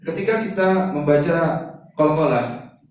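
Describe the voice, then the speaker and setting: A man with a voice hoarse from a cough, teaching an Islamic study session in an informal, interactive way as preacher and Quran recitation teacher. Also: fairly high pitch, lively intonation, a little slow, a little mellow. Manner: informal, interactive, often checking with listeners. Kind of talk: Islamic study lecture to a congregation. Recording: echoey hall, distant microphone.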